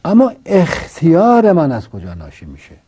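Teacher, male, very dark and husky voice, lively pitch, didactic and argues by rhetorical questions. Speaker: religious philosophy teacher. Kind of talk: didactic philosophical explanation.

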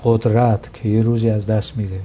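A man's voice: fairly low pitch, level tone, warm tone, a little hiss or hum. A man telling an old anecdote and reciting Persian verse in a religious discussion.

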